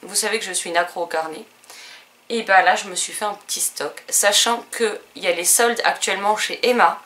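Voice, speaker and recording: Casual French woman vlogger showing her purchases, chatty with lots of fillers, bright tone. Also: mid-range voice, moderate pace. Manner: chatty, hesitant with many fillers. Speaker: book and stationery vlogger. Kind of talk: casual haul video chat.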